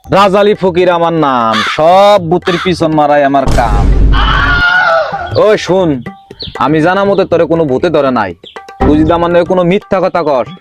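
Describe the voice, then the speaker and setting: A high-voiced conman exorcist played by a man with a rural Bangladeshi accent. He is bawdy and bossy, chanting his pompous catchphrases in broad comedy style, with music clearly behind him. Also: quick pace, close to an everyday voice. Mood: pompous, commanding. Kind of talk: broad comedy skit acting.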